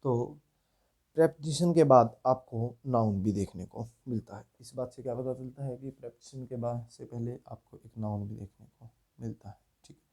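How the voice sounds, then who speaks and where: A man teaching English grammar, explaining slowly and often asking whether students follow. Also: mid-range voice, gravelly, dark tone. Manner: repetitive checking-in, asks if students understand. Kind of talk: classroom lesson explaining grammar.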